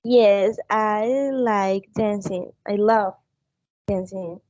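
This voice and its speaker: A young woman practices English in a lesson, pausing often as she hunts for each word. Her voice is soft and mellow with a slow, careful pace. The sound is dry and a little muffled, like an online class. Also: medium pitch, fairly even intonation, no room sound. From Colombia. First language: Spanish. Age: 20s. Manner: slow, hesitant, searching for words. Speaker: language student.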